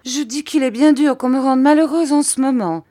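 A woman voicing a young, fretful mother who whines and pleads in a high, petulant voice. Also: expressive, unhurried, dark tone, dry recording, studio quality. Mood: petulant pleading.

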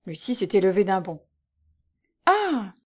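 A woman reads a classic novel aloud in a steady, composed way. Her voice sits at an ordinary middle pitch, and her delivery is calm and measured. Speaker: audiobook narrator. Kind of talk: scripted narration of a classic novel.

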